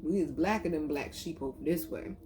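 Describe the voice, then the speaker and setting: A woman's voice: deep voice, a little fast, noisy background. A young woman telling a blunt, profane story in a casual vlog. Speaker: vlogger.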